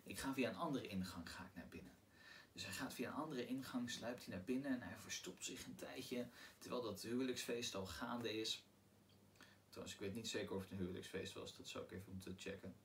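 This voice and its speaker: A man hosting a book podcast, casually retelling a novel's plot in a halting way, often repeating words and restarting. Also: on the low side, steady tone, vocal fry, a bit bright. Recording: distant mic, faint background noise.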